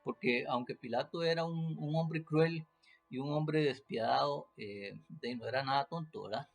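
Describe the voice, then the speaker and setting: Man, teaching scripture off the cuff; rough fry in the voice, lots of fillers and restarts. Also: medium pitch, normal speed, soft background music. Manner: hesitant, many fillers and restarts, rhetorical questions. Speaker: preacher. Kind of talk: unscripted Bible teaching.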